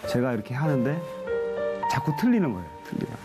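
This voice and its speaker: A man's voice: medium pitch, big pitch swings, fast talker, loud music behind the voice. A middle-aged man, a guest on a talk show, giving an earnest personal testimony and acting out remembered conversations.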